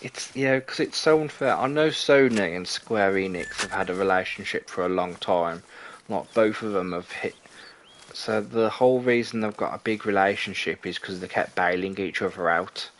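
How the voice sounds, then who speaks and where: A man's voice: low voice, a bit bright, slight background noise. A young man streaming a hunting game, rambling and chatty as he talks to his viewers, often correcting himself mid-sentence. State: out of breath. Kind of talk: casual gameplay commentary.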